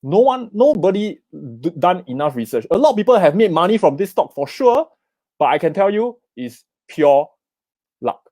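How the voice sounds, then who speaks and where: Here's a middle-aged investment speaker, Singaporean-accented, talking at a live online summit in a high-pitched, warm, sing-song voice at a moderate pace with no echo. He frequently asks "okay?" and "right?" and encourages viewers to type their comments.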